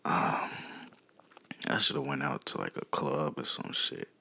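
A man with a deep voice hosts a casual solo podcast. He rambles at a slow pace, full of slang and swearing. The recording is dry, with little room sound. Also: big pitch swings, creaky, pushed and bright, husky, no echo. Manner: foul-mouthed, slangy, rambling. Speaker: podcast host.

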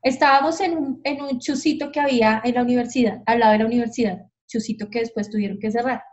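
Woman, candid podcast guest, slightly high voice, muffled lo-fi sound. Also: quick pace. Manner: frank, animated, acts out quoted voices. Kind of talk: candid storytelling. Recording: dull lo-fi sound.

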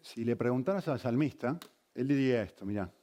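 A man's voice: mid-range voice, animated, a little fast, dark tone, muffled recording. A man preaching a sermon, engaging the congregation with frequent questions. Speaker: pastor.

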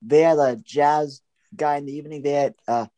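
A man's voice: on the high side, fairly even intonation, moderate pace, mellow. A man from Pennsylvania, the show's producer, chatting in an easygoing, matter-of-fact way. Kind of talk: casual podcast chat.

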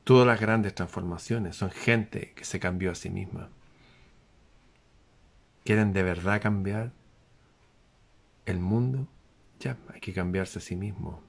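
A man giving a lively spiritual talk to an audience, asking rhetorical questions and dropping suddenly to a hush. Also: low-pitched, slow, vocal fry, long pauses. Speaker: motivational speaker.

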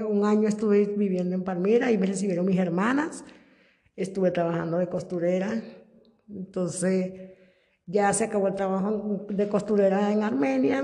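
A woman in her fifties from Venezuela, giving an earnest, unhurried personal testimony as a migrant worker. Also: mid-range voice, vocal fry, mellow, in a large hall. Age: 50s.

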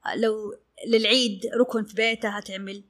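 A woman, a fashion designer giving a lively interview and acting out her clients' words. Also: mid-range voice, a little fast. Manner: animated, acts out clients' words. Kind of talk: casual interview talk.

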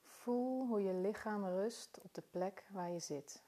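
Soft, mellow woman guiding a meditation. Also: mid-range voice. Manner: soft, calm, soothing, unhurried with long pauses. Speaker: meditation guide. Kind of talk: guided body-scan meditation.

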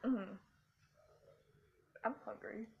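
A woman co-hosting a casual podcast, animated and laughing often. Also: fairly high pitch, drawn-out words, creaky, slightly rough, phone-quality sound. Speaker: podcast co-host. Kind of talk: casual chat.

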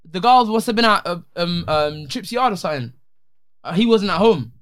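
A man's voice: high voice, normal speed, dry recording, clean studio sound. A young man, co-hosting a casual podcast chat and retelling stories full of slang and quotes. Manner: animated storytelling with slang and retold quotes. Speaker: podcast co-host.

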